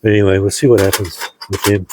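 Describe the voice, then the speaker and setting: A middle-aged man, a hobby blacksmith, casually showing off his finished pieces in an unhurried, rambling way, with many ums and restarts. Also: fairly low pitch, level tone, background noise. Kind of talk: casual show-and-tell narration.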